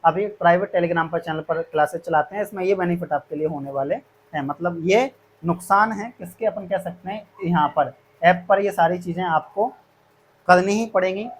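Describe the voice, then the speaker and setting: High-voiced teacher talking to students. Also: male voice, normal speed, slight background noise. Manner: repetitive, reassuring, addresses students as kids. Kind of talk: explaining course fees to students.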